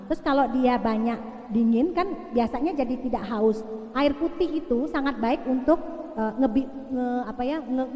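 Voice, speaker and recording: A high-pitched, mellow-toned middle-aged woman speaks casually to an audience as a pediatrician, reassuring and chatty. The sound is roomy, with a long hall reverb. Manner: chatty, reassuring, frequent "ya" tags. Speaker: pediatrician giving a parenting talk. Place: large hall.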